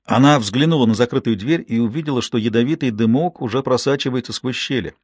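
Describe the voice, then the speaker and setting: A man in his sixties reading a tense novel aloud at a steady pace, slowing on dramatic details. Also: mid-range voice, no room sound, clean studio sound. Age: 60s. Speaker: audiobook narrator. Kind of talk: scripted narration.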